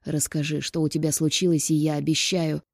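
A woman voicing a gentle, guilty man who speaks in a hushed, hoarse near-whisper. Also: low voice, little pitch movement, brisk, dry recording, clean studio sound. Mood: soothing.

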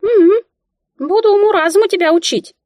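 A woman voicing a cheeky, theatrical little female mouse familiar with a squeaky voice in an audiobook. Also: moderate pace, darkish tone, dry recording, studio quality. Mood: teasing. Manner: wheedling, theatrical, easily offended. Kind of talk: audiobook character voice.

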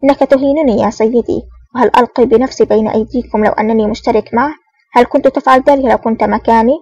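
A woman reads a cunning male spy in a storybook reading, feigning outrage with quick, exclaiming lines. The voice is high, breathy and fast. It sounds dull and distant on a dry recording. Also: fairly even intonation, a little mellow, no room sound. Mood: feigned outrage. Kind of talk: audiobook reading.

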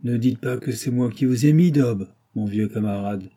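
A man voicing a smooth-talking lieutenant who soothes and evades his angry friend. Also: medium pitch, moderate pace, mellow, lightly acted. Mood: placating. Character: smooth-talking male lieutenant, placating, slightly afraid.

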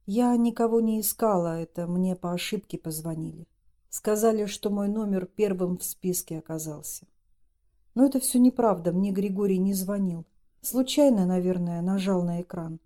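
Робкая молодая любовница, тихо и приглушённо, читает женщина. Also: female voice, medium pitch, normal speed, close to an everyday voice. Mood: hushed. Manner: quiet, whispering. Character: timid young mistress, hushed.

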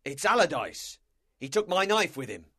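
A man voicing a fearful, rough pirate crewman in a storybook reading, excitable and jumpy. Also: a little high, normal speed, pitched above the performer's own voice. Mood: uneasy.

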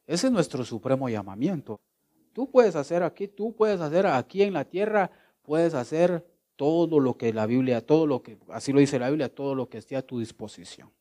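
A man preaching a devotional sermon, asking the listener questions and answering them himself, swinging between loud exclamations and low, hushed phrases. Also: expressive, moderate pace.

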